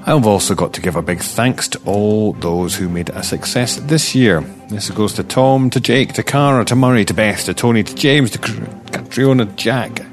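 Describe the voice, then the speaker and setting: A man with a Scottish accent hosting a podcast news roundup, reading stories with playful asides and self-deprecating jokes. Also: fairly low pitch.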